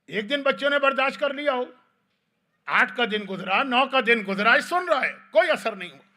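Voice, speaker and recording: Very high, bright-voiced male preacher. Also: animated. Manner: emotional storytelling, voice rising and sinking. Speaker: religious scholar. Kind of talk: mourning sermon narration. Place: mosque hall.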